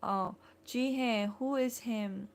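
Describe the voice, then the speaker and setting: Host, Filipino accent, woman; slightly high, gravelly voice, casual and filler-heavy chat. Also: very slow. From Philippines. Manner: chatty, greets and thanks viewers by name, many fillers. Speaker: vlogger hosting a live stream. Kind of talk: casual live-stream chat.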